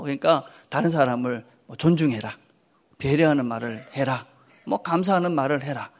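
A male pastor preaching a sermon, acting out quoted lines with sudden jumps in pitch and often checking in with the congregation.

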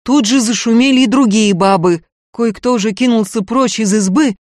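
A woman's voice: a little high, moderate pace, a little mellow, no room sound. Woman narrating a folk tale, dry sound. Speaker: audiobook narrator. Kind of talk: storytelling narration.

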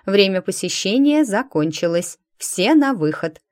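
A woman's voice: mid-range voice, big pitch swings, unhurried, pitched above the performer's own voice. A woman voicing a friendly but bossy hospital doctor in an audiobook, teasing one moment and commanding the next. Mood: stern. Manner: warm and teasing, turns stern and commanding.

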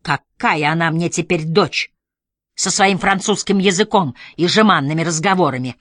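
Woman putting on a creaky, grumbling old man. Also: on the low side, normal speed, fairly bright tone, no echo. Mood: bitter. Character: grumpy bitter old lodge-keeper father.

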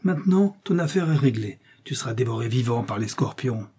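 A burly, brutal captain snarls his threats in a warm, husky voice, as a male reader puts him on. He sneers at his captive with cold menace, a figure straight out of a storybook adventure. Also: mid-range voice, animated, a little fast. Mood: menacing.

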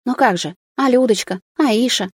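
A woman voicing an anxious, emotional heavyset man who has just become a father, his voice jumping high. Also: moderate pace, slightly rough, no room sound, studio quality. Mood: pleading. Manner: agitated, pitch jumping up.

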